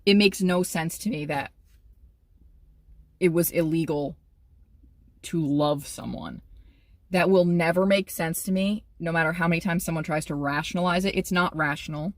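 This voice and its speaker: A woman's voice: on the low side, normal speed, pauses often, dry recording. Emotional rambling young woman vlogger. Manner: rambling, emotional, self-interrupting. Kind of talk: casual vlog monologue.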